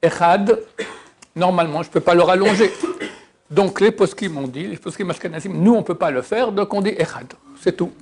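A man with a fairly high voice gives a casual religious lesson on pronunciation. He draws out example words slowly, sometimes almost singing them. He drops teasing remarks along the way. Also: a little hiss or hum. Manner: lively, drawn-out demonstrations of words, half-sung. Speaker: religious teacher. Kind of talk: informal lesson on Hebrew pronunciation.

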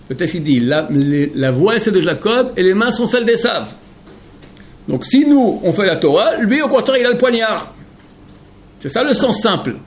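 A man giving a Torah lecture to an audience of men, emphatic and rhetorical, swinging between hushed explanation and impassioned questions. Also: high-pitched. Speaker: rabbi teaching Torah.

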